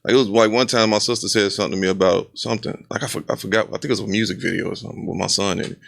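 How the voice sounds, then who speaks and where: A man in his thirties with a heavily gravelly, fry-laden voice talks fast in a casual podcast chat. He is blunt and animated and jumps into quoted voices as he tells stories. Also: lowish voice. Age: 30s. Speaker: podcast co-host.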